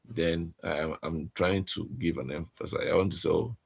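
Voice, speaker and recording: A man teaching a casual online language lesson, speaking haltingly and often checking in with "okay?". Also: deep voice, fairly even intonation, vocal fry, breathy edge.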